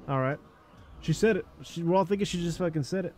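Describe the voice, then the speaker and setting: A man's voice: fairly high pitch, fast talker, darkish tone, a little hiss or hum. A man streaming casual reaction commentary, rambling and profane with many fillers.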